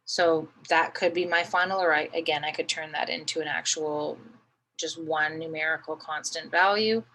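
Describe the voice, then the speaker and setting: Low-voiced woman explaining math step by step. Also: fairly even intonation, moderate pace, sharp tone, a little hiss or hum, poor audio. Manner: patient, talks through each step, often adds "right?". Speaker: math teacher.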